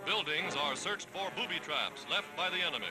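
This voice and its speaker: An American man with a fairly high, expressive voice reads scripted 1940s newsreel narration a little fast, in a formal, dramatic, declamatory style. The rough recording is a vintage 1940s newsreel soundtrack, with loud newsreel music behind him.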